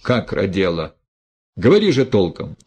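A man's voice: deep voice, huge pitch swings, measured pace, a little mellow, husky, heavily acted. A man voicing a severe, reproachful older abbess who preaches and questions sharply. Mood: curt questioning. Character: stern older abbess of a women's convent.

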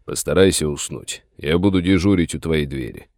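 A man voicing a steady middle-aged sheriff who speaks in a gentle but firm way. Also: rumbling low, normal speed, no echo, clean studio sound. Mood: calm, firm.

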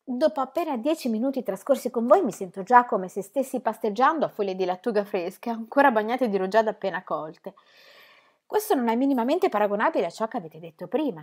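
A weary, charming painter, languid and flirtatious, drawing out his compliments with lively swings of pitch, as a woman reads him aloud. His tone stays playful and theatrical. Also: fairly quick, lightly acted.

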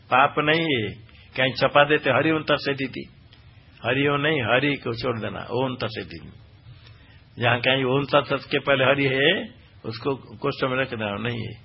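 Husky-voiced man teaching scripture recitation. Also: medium pitch. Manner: exacting, corrects pronunciation point by point; quizzes listeners with questions. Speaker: spiritual teacher. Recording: dull lo-fi recording.

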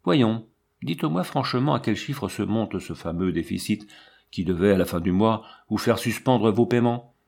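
A man's voice: lowish voice, normal speed, creaky, breathy edge, full character voice. A man reading a cool, composed banker's wife. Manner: calm, dignified, quietly ironic.

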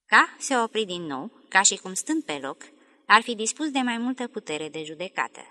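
A woman narrating a literary audiobook in a measured, expressive reading. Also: mid-range voice.

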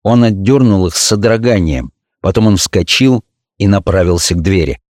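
A man narrating a novel as an audiobook reader, measured and low-key. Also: darkish tone, no room sound, clean studio sound. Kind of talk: scripted narration.

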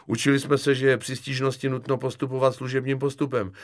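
A man's voice: mid-range voice, level tone, voice pushed up, natural voice. A man doing a stubborn, mock-formal young private. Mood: insistent. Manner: earnest, mock-formal, insistent.

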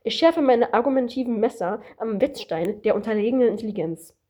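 A woman's voice: fairly high pitch, expressive, warm tone. A woman reading a smug know-it-all kangaroo. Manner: smug, lecturing, quick-witted. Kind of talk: amateur audiobook reading.

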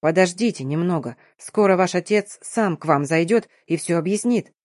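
A woman's voice: normal speed, no echo, clean studio sound, lightly acted. Woman doing a curt stern guard. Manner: low, clipped and quiet. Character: stern curt male guard, clipped and dutiful.

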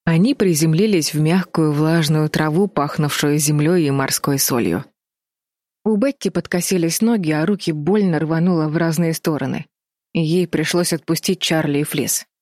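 Female audiobook narrator, low and steady, dry booth sound. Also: moderate pace, no room sound. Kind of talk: scripted narration.

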